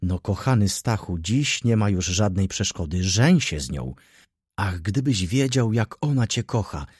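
A man voicing an excitable old clerk. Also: measured pace, husky, dry recording, clean studio sound. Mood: urging. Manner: fervent, pleading, rises to high excited peaks. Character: aging, excitable old male shop clerk. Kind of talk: audiobook dialogue reading.

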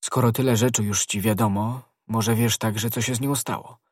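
Guy reading as an anxious young musketeer, husky low voice, edgy and full of questions. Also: steady tone, normal speed, darkish tone, dry recording, clean studio sound. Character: anxious young male musketeer, secretive lover.

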